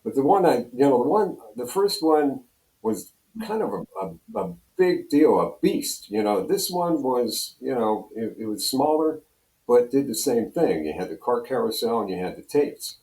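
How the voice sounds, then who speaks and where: This older Pennsylvania man's mid-range, mellow voice has a sing-song lilt at a normal speed. As a radio interview guest, he spins casual, meandering anecdotes and performs lines of dialogue, all captured with roomy echo.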